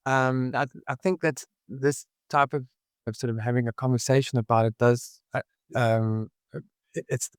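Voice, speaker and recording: This South African man, a podcast guest with a South African accent, reflects in a conversational interview and often searches for his words. His medium-pitched voice is smooth, with fairly even intonation at a normal speed. The studio sound is clean, with no room sound.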